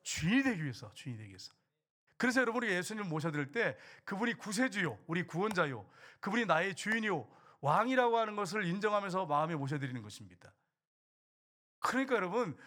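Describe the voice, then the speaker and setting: A middle-aged man preaching a sermon as pastor in a church, swinging from raised declarations to hushed low asides. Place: church sanctuary.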